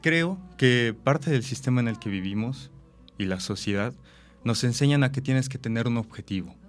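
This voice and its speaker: A man's voice: mid-range voice, animated, normal speed, soft background music. A man, an actor and director, explaining his ideas thoughtfully with examples and rhetorical questions. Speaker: actor and director, interview guest. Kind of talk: reflective interview talk.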